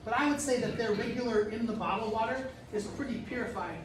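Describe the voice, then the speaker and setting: A man's voice: extremely high pitch, fast talker. Chatty man, echoey room from afar. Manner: chatty storyteller, frequent restarts. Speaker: pastor leading a trip meeting. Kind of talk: casual travel briefing. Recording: echoey room from far off, noisy.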